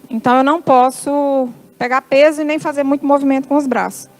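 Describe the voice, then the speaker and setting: A high-pitched, middle-aged woman with a Brazilian Portuguese accent tells her testimony to a church. She slips into soft voices for the quoted dialogue as the story goes on. Faint music plays beneath her. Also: poor audio. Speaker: church speaker giving testimony.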